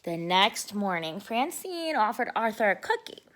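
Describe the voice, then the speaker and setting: A woman reads a preschool storybook aloud expressively, explaining things simply for young listeners. Her pitch is medium and her pace measured, with slight background noise.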